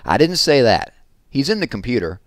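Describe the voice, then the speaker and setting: A man reading aloud, voicing a commanding, easily outraged female official who gives brisk orders. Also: medium pitch, sing-song, dry recording, studio quality, voice pushed up, natural voice.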